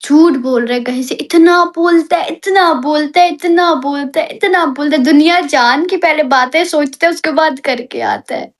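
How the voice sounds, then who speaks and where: Female live-stream host, very high pitch, heated and repetitive when she argues. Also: normal speed, few pauses. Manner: animated, heated complaining; repeats herself for emphasis. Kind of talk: casual live-stream chat.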